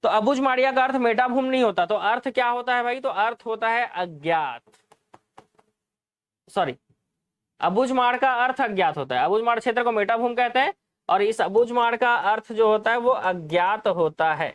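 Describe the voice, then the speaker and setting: A man's voice: extremely high pitch, normal speed, fairly bright tone, dry recording. A man teaching an exam-prep lesson, explaining answers, repeating key points and asking the class rhetorical questions.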